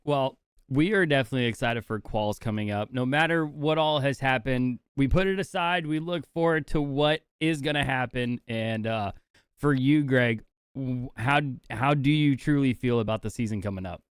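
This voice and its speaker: Man, podcast co-host, smooth voice, dry sound. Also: mid-range voice, normal speed, no room sound. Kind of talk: casual podcast chat.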